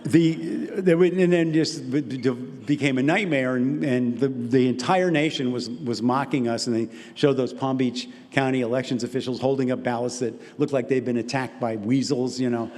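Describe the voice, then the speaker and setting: An older man telling a comic story and answering audience questions, rambling and self-interrupting with wry deadpan asides. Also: medium pitch, moderate pace, few pauses. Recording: hall reverb, faint background noise.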